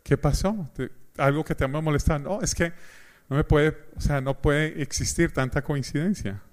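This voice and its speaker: A man's voice: fairly high pitch, normal speed. A middle-aged man preaching a sermon as pastor, telling stories and acting out both sides of a conversation. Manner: animated storyteller, acts out dialogue. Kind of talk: sermon with humor.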